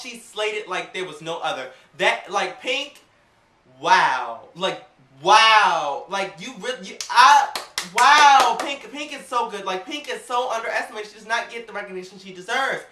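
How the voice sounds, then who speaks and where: A woman casually reviewing an awards show in a sassy, animated, gossipy way, acting out quotes as she talks. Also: mid-range voice, far from the mic. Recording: roomy, off-mic home recording.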